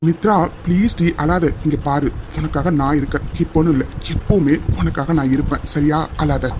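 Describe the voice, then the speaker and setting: Cartoon hero: performer voicing a brooding young man, mid pitch, muttering and reassuring. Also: brisk, natural voice. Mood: comforting. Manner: muttering self-talk, low and reassuring.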